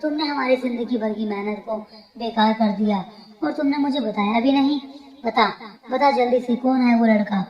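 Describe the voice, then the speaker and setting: A woman's voice: on the high side, moderate pace, close to an everyday voice. A woman voicing a distraught middle-aged mother who pleads and questions anxiously in a storybook tale. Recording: dull echoey recording.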